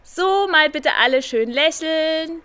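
A high, chirpy little girl, slow and chatty, for a kids' audio play. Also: lively intonation, fairly bright tone, exaggerated voice. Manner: chirpy, chatty, addresses children directly. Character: cheerful little girl, policeman's proud daughter.

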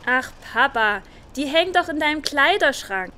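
A woman's voice: high voice, animated, moderate pace, bright, forceful tone. A woman voicing a cheerful little girl in a children's audio play, chatting directly to the kids. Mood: chirpy. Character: cheerful little girl, policeman's proud daughter.

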